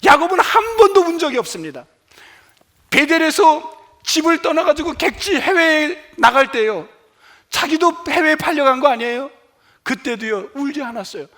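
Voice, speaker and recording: A man with a strikingly high voice preaches a sermon from the pulpit of a church. He moves between loud calls and soft asides, and acts out the cries he quotes. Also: sing-song, normal speed. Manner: preaching with rises and drops in volume, acting out quoted cries. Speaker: senior pastor. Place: church sanctuary.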